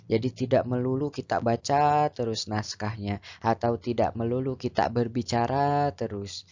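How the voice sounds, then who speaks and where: Calm explaining man, dull lo-fi sound. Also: lowish voice. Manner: calm, explanatory, conversational with frequent fillers. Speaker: teacher. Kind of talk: educational lecture on public speaking. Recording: dull lo-fi recording.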